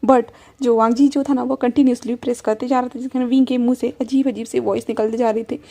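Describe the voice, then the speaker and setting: A woman's voice: on the high side, level tone, fast, vocal fry, dark tone. A woman narrating a fan-fiction story in a chatty way, full of fillers and mixed-in English words.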